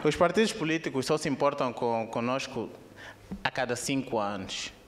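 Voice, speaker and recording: A young man with an Angolan Portuguese accent performing a stand-up comedy set on a theater stage, speaking into a handheld microphone. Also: moderate pace. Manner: animated, jumps into high squeaky put-on voices. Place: theater stage with live audience.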